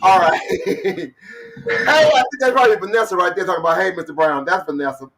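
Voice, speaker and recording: A man hosting a lively livestream show, hyping up viewers and calling out their names. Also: high-pitched, brisk, distant mic, noisy background. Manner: energetic, hypes up viewers, calls out names. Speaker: talk show host.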